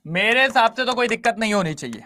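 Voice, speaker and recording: A man's voice: high-pitched, lively intonation, fast talker, pushed and bright. A man teaching chemistry in an online class, constantly quizzing his students and coaxing them to answer.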